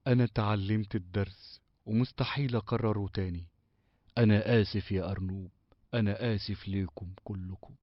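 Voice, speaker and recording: A man's voice: on the low side, steady tone, a little fast, no echo, close to an everyday voice. A man with an Egyptian accent voicing a young male cartoon character who talks hesitantly and apologetically. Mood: apologetic. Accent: Egyptian Arabic. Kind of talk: cartoon voice acting. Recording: slightly dull audio.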